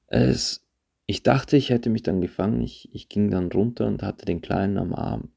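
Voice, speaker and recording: A man hosting a podcast, talking reflectively to his listeners in a halting way and often repeating himself. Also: on the low side, vocal fry, warm tone, slightly rough. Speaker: podcast host. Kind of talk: personal monologue to listeners. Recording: handheld phone, voice drifts off-mic at times.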